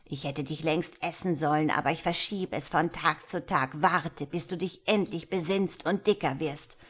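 A woman voicing a bloodthirsty old witch who croaks and shrieks threats, in a storybook reading. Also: sits low, little pitch movement, slow. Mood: shrieking, threatening. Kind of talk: audiobook reading.

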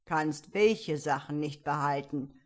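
A woman voicing a curt, contrary caterpillar in a storybook reading, speaking slowly and bluntly. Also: low-pitched, voice pushed down. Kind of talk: audiobook character voice.

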